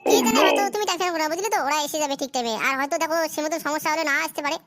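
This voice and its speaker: A performer voicing a calm middle-aged mother-in-law in a cartoon, soothing and repeating herself. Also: sits high, very fast, very noisy, pitched below the performer's own voice.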